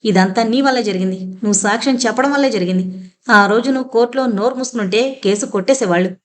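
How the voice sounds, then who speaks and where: A woman's voice: a little high, fast, natural voice. A woman reading as a menacing obsessed ex-convict. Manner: taunting, threatening, mixes English words.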